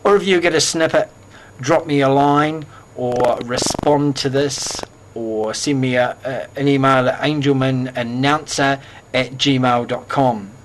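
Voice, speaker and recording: A man's voice: medium pitch, fairly even intonation, unhurried, slight background noise. A man with a New Zealand accent hosting a casual community news bulletin, upbeat and chatty with fillers.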